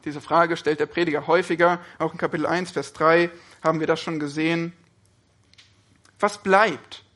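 A man's voice: a little high, a bit bright. A man preaching a sermon, speaking earnestly and often putting questions to his listeners.

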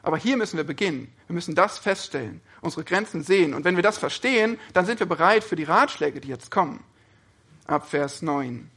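Male preacher with a high, bright voice; earnest sermon delivery full of rhetorical questions. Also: lively intonation, a little fast.

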